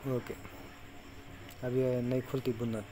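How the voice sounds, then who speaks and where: This fishing tutorial maker speaks slowly in a flat, medium-pitched voice, casually explaining hook tying one step at a time while working. His manner is plain and instructive, and he talks as he ties the knots. Insects can be heard behind him on a clear recording.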